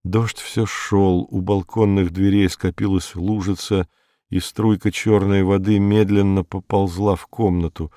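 A man narrating a literary audiobook in a measured, calm way. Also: low voice, no room sound, studio quality. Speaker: audiobook reader.

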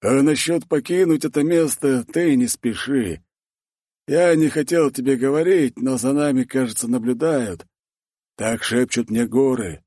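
Man doing a wry dwarf wizard, higher than his own voice, slow, husky, dry close sound, audiobook. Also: warm tone, no echo, natural voice. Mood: wry, cryptic. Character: mystical male dwarf mage, wry and cryptic.

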